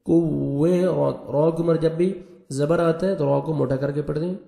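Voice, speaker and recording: Man teaching recitation, dark gravelly voice, echoey room, patient and repetitive. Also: on the high side, fairly even intonation. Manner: patient, repeats letters and rules, slow drawn-out recitation. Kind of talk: tajweed lesson, explaining and chanting verses slowly.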